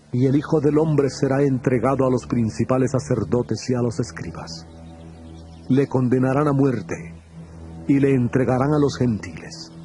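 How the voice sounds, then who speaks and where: Playing Jesus in a dramatized reading of scripture, a male actor uses his natural, medium-pitched voice. He comes across as a calm, earnest teacher, speaking in a measured and solemn way.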